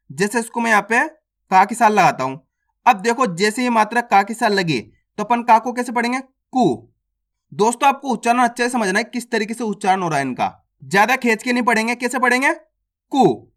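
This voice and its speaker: A man's voice: high-pitched, fairly bright tone. A man teaching a Hindi alphabet lesson to a class of viewers. He asks questions, answers them himself, and checks that listeners understood. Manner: stretches out vowel sounds to demonstrate them.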